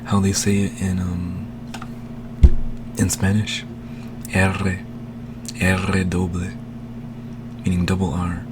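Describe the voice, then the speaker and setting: A man slowly explaining a speaking technique in a casual home tutorial, recorded on a desk microphone. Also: sits low, completely flat delivery, background noise. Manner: slow, unhurried, talking while demonstrating. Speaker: language learning vlogger.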